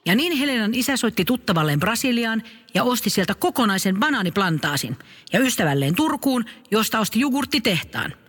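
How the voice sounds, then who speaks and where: A man's voice: high-pitched, slightly rough, in a large hall. A man narrating a comic children's story, playful and speaking to the listener. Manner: playful, lively, addresses the listener.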